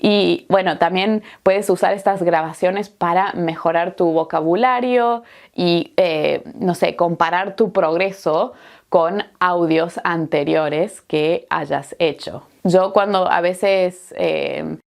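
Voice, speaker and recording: A woman's voice: lowish voice, takes it slowly, gravelly. A woman from Argentina with an Argentine accent, giving a friendly, encouraging Spanish lesson with a chatty manner and frequent fillers. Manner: chatty, encouraging, laughs easily, many "eh" fillers. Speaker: Spanish teacher.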